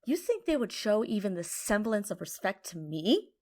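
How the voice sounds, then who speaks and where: A woman's voice: medium pitch, brisk, lightly acted. A woman voicing a haughty, scornful female tree spirit. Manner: haughty, sharp.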